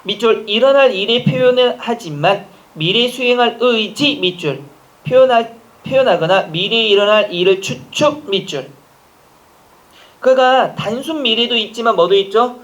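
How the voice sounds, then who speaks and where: A man's voice: extremely high pitch, animated, normal speed, fairly bright tone. A man in his forties teaching an exam-prep grammar lecture, chatty, asking rhetorical questions and acting out short dialogues.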